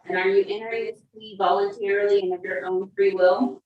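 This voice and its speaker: An echoey room surrounds this woman's voice, which sits at a middle pitch. She speaks as a presiding judge, working through formal courtroom questions. Her wording is polite, procedural and formulaic. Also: flat delivery, a little fast, highs cut off. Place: remote court hearing, indoor room.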